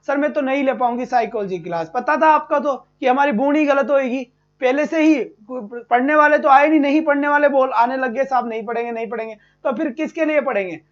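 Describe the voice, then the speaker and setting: A man giving an energetic online exam-prep lesson, repeating points and calling his students "beta". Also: very high voice, dull audio.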